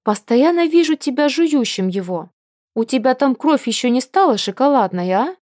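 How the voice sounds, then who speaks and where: A woman's voice: sits high, animated, moderate pace, a little mellow, no room sound, studio quality, pitched above the performer's own voice. A woman voicing a proud, fiery young woman soldier in an audiobook, talking in a snappish, indignant way. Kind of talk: audiobook character voice.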